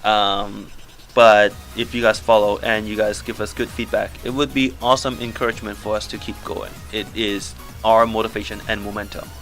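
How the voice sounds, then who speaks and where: A man's voice: lowish voice, fairly even intonation, normal speed, a bit bright, soft background music. A young man from Canada co-hosting a podcast, joking in upbeat, rambling casual chat from a small home studio. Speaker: podcast co-host.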